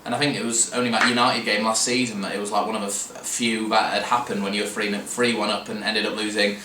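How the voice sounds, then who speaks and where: A man's voice: fairly low pitch, flat delivery, fast talker, sharp tone. Chatty man in an echoey room. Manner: chatty, rambling with restarts and fillers. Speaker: fan podcast host. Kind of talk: casual football preview talk. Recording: roomy echo, mic at a distance, faint background noise.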